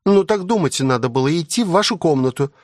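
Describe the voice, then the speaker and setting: A man voicing a calm, sensible young woman in an audiobook, speaking in a matter-of-fact way. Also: fairly high pitch, fast, no room sound, clean studio sound, voice pushed up. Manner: calm, matter-of-fact, pleading when upset.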